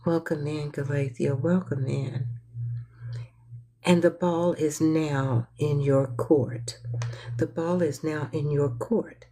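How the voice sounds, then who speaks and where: A woman's voice: low-pitched, steady tone, slow pace, dark tone, slight background noise. A woman hosting a live-streamed motivational talk, congested and stuffy-nosed, who repeats her phrases and coaxes her audience to respond. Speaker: livestream host.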